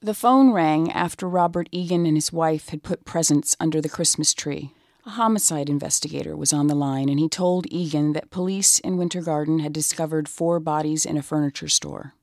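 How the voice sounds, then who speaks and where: A reporter giving measured, scripted narration of a true-crime story. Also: medium pitch, a little mellow, no echo, studio quality.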